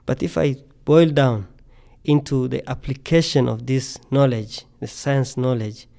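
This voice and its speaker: A man's voice: mid-range voice, fairly even intonation, a little slow, vocal fry, mellow. A middle-aged man from Tanzania, a scientist guest speaking earnestly in a podcast interview, often repeating words as he thinks.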